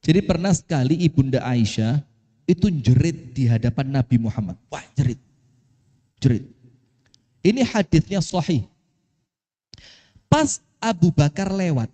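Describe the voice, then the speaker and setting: A man with a Javanese accent preaching a lively sermon, telling stories with acted-out voices and asking his audience questions. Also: fairly high pitch. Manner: animated storytelling, acts out voices, asks audience questions. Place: mosque hall. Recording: long hall reverb.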